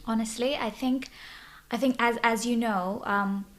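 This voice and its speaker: A Bangladeshi woman in her twenties, a social media influencer, is a guest on a podcast, telling her story in a bubbly, open way during casual interview chat. Her voice is a little high, with fairly even intonation and a measured pace.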